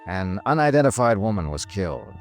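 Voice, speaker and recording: An actor voices a world-weary male insurance investigator in a 1950s radio detective drama, grimly narrating his case in a clipped, dry style with brooding pauses. His voice is low with big pitch swings, and vintage radio-drama music plays underneath.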